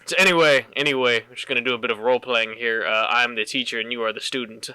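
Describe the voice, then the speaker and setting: A young man hosting a casual chat, joking and laughing often, his voice jumping higher when he gets indignant. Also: quick pace, clean tone, no echo. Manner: animated, gets loud and high when indignant. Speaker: podcast host.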